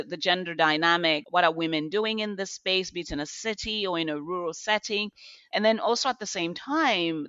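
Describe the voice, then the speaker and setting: A woman's voice: lowish voice, fairly bright tone, dry recording, muffled recording. A middle-aged woman, a podcast guest telling reflective stories with restarts. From Zambia. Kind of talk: podcast interview.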